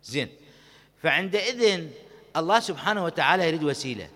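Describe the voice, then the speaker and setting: Impassioned Iraqi preacher in an echoing shrine. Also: male voice, on the high side, expressive, quick pace, fairly bright tone. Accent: Iraqi Arabic. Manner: impassioned, pleading, chants lines melodically. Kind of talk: sermon. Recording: long reverb of a large hall.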